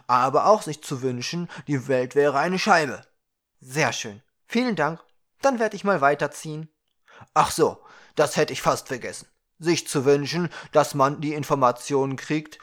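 A man voicing a huge, fat, glowing fire creature, impatient and stubborn, gruff and insistent in a storybook reading. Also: on the high side, a bit bright, close to an everyday voice.

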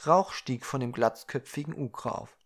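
A man reading a fairy tale aloud, calm and quiet. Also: mid-range voice, normal speed. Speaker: narrator. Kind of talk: storybook reading.

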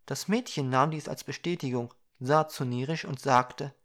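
A man reading a fairy tale aloud, calm and quiet. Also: medium pitch, moderate pace. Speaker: narrator. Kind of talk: storybook reading.

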